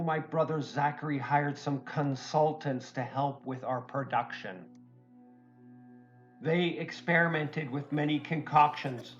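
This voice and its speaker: A prim, well-dressed kobold merchant, voiced by a man speaks with formal courtesy in a slightly raised pitch. Soft music plays faintly behind him in this tabletop game recap. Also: lo-fi sound, natural voice.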